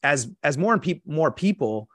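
A man hosting an interview, reacting with enthusiasm and laughter and asking questions in halting, restarted phrases. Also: fairly high pitch, very animated, fairly bright tone. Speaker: interview host. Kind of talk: conversational interview.

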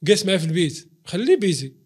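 A Moroccan man with a fairly high voice tells stories in a casual interview. He talks very quickly in Moroccan Arabic style, slipping into quoted dialogue and stressing points with oaths. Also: big pitch swings, slightly rough. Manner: acts out quoted dialogue, swears oaths for emphasis. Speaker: interview guest, footballer. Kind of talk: casual, animated personal storytelling.

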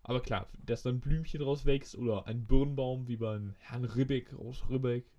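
A man's voice: mid-range voice, fairly even intonation, moderate pace, mellow, dull audio. A man casually running a teasing word quiz and chatting in a dry way. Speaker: quiz host. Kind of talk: casual chat. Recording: call audio, hard to hear.

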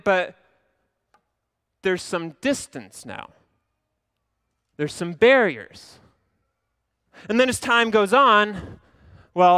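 A young man, a lead pastor, preaching an animated sermon and acting out his own thoughts, dropping to mutters and rising to loud outbursts. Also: high-pitched, dry recording, studio quality.

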